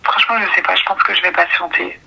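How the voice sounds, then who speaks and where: A woman's voice: lowish voice, little pitch movement, quick pace, gravelly, bright, forceful tone, slightly rough. A woman calling in who tells her story hesitantly, with many fillers, and keeps checking in with "tu vois.". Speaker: caller. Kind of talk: confiding personal story. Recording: tinny phone line.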